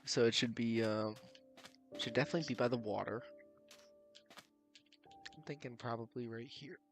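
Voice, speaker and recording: A man chatting casually while streaming a building game, relaxed and rambling, his voice slightly worn. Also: mid-range voice, moderate pace, over music. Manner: relaxed, rambling, laughs softly to himself. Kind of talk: casual live-stream chat. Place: at home late at night. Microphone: desk mic with cord.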